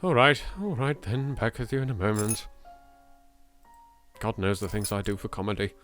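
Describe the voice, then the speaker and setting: Over soft background music, an English-accented gaming video host with a lowish, slightly bright voice speaks at a moderate pace. He reads aloud dramatically in his let's play and comments theatrically, exasperated and swearing.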